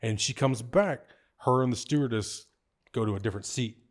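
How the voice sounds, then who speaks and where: A man with a mid-range, fairly quick voice: a tattoo artist and father guesting on a podcast. He tells a story casually, animated, swearing a lot and laughing often.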